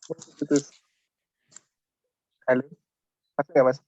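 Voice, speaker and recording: A man's voice: medium pitch, little pitch movement, a little slow, darkish tone, slight background noise. Man on a choppy, cutting-out call. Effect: choppy, breaking-up call connection. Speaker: student interviewer. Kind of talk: online interview question. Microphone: video call. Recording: dull lo-fi online call audio.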